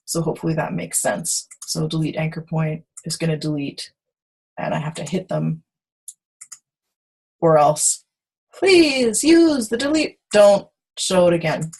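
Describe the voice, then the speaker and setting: A woman teaching design software on a video call, chatty and self-correcting as she demonstrates. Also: low voice, fairly even intonation, a little slow, long pauses, slightly rough, poor audio. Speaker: software instructor. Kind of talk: screen-share tutorial.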